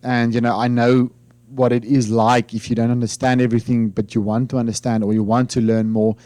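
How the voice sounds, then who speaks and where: Here a finance YouTuber from South Africa, Afrikaans being his mother tongue, chats to camera in a medium-pitched, dark voice that barely moves in pitch. He goes a little fast, and there's no reverb in the dry recording. He keeps stumbling, rambling along with many fillers and restarts.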